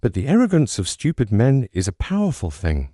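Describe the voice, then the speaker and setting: A man's voice: medium pitch, huge pitch swings, a little fast, warm tone, dry recording, studio quality. A man reading a scripted first-person story aloud in a dramatic, suspenseful storytelling manner. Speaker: narrator.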